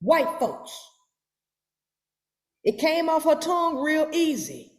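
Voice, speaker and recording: A woman hosting a podcast, giving a mocking, profane reaction commentary with emphatic, sometimes shouted lines. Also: high voice, very animated, slow. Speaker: podcast host. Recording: roomy echo.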